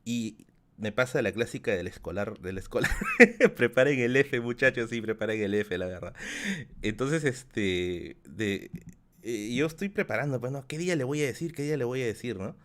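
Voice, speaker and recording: A man in his thirties with a Peruvian Spanish accent hosts a stream and tells his chat a meandering story, full of repeated phrases and laughter. His medium-pitched voice is animated and a bit bright, at a normal pace.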